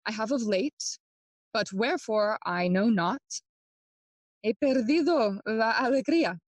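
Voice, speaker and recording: Animated and a little high, a female voice portrays a slow, sardonic young Hamlet who is melancholy and feigning madness, in a brooding mood with no room sound. The classical Shakespearean stage acting for an audio play is theatrical and mocking, shifting between English and Spanish.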